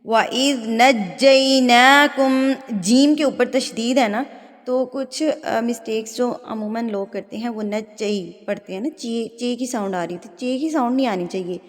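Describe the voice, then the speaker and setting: A woman with a slightly high voice teaches Quran recitation. She walks through each pronunciation rule patiently, then recites the verses in a slow, drawn-out chant. Her voice trails off into a long hall reverb. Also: darkish tone. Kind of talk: tajweed lesson, explaining rules then reciting.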